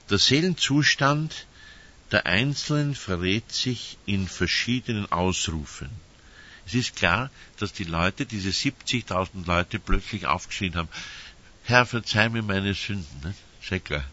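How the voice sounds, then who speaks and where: Older priest with a lilt, lowish forceful voice, chatty sermon full of "nicht?" asides, muffled lo-fi sound. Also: male voice. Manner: conversational, frequent tag questions. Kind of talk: spoken sermon with anecdotes.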